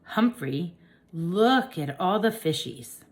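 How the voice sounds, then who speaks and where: A woman voicing a loud, bellowing schoolboy in an audiobook reading. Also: lowish voice, expressive, slow.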